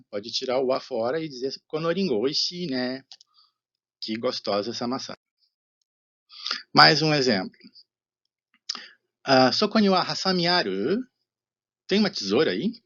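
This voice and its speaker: A man's voice: medium pitch, pushed and bright. Brazilian portuguese guy teaching japanese, patient, keeps tacking on "né?", kinda dull lo-fi sound. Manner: explains patiently, says "né?" often, slows down for example phrases. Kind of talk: recorded lecture. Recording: dull lo-fi lecture recording.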